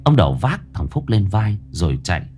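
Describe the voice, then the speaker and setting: A man narrating a ghost story in a tense, expressive storytelling manner. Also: lowish voice, fairly quick, faint music behind.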